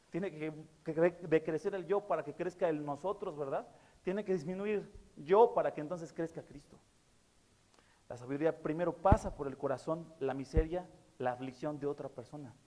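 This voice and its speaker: A man preaches in a fairly high voice, earnest and fond of repeating his key words. He leans on fillers between phrases. His sermon rings with the long reverb of a church hall. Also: warm tone. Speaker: pastor.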